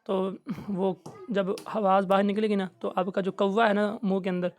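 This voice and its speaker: A man teaching Quran recitation in a recorded lesson, patiently explaining and slowly drawing out each letter sound. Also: high voice, level tone.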